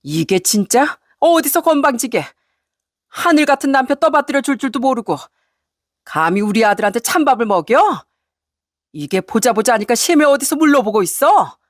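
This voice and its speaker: A woman voicing a furious, domineering older mother-in-law who scolds in a shrill, shouting voice. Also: expressive, unhurried, no echo, studio quality, lightly acted. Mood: furious scolding.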